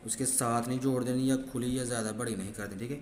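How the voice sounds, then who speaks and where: A man teaches letter-writing stroke by stroke, moving quickly yet patiently, his mid-range voice steady and a little mellow. He keeps saying "ठीक है" as he guides students. The recording has an echoey room and faint background noise.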